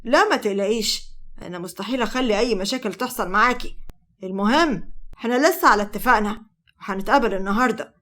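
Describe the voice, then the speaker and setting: A woman voicing a sly, smooth-talking man with an Egyptian Arabic accent who flatters and charms. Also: mid-range voice, fast talker, lightly acted. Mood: flattering.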